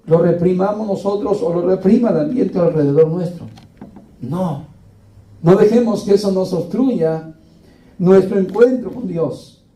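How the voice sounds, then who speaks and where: A man's voice: high voice, warm tone. A man preaching a sermon who keeps asking his congregation rhetorical questions and calls them brothers. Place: church hall. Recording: echoey room, distant mic.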